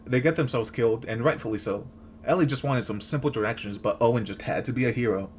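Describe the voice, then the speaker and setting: Fast-talking man on a sarcastic comedy rant. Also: mid-range voice, slight background noise. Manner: sarcastic, crude, slangy joking. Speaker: host. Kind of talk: comedic rant recap of a video game, scripted narration.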